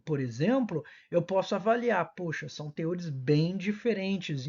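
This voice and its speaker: A woman's voice: lowish voice, darkish tone, lo-fi sound. A woman lecturing at university, explaining step by step with frequent restarts and corrections. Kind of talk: recorded lecture.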